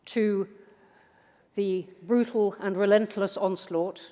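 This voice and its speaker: Formal event chair in a reverberant hall. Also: mid-range voice. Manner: formal and measured. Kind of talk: hosting a live prize ceremony. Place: large hall with an audience.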